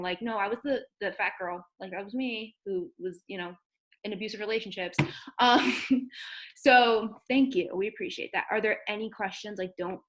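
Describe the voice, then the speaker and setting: Chatty jersey-born lady hosting a zoom call, mid-pitched, upbeat pep talk. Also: fairly bright tone, poor audio. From New Jersey. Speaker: fitness team leader and host. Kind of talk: casual motivational talk. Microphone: video call.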